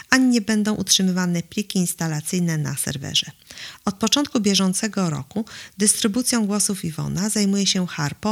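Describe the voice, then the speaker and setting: A female synthesized voice reads a scripted product announcement. It sounds like an older text-to-speech engine, with a medium pitch and a neutral, measured delivery.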